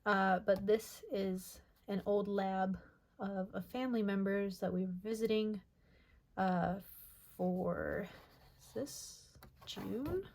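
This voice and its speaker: A young woman casually narrating over her sketchbook pages, soft and rambling with many pauses and filler words. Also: medium pitch, fairly even intonation. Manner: soft, rambling, many ums and self-corrections. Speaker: artist showing her sketchbook.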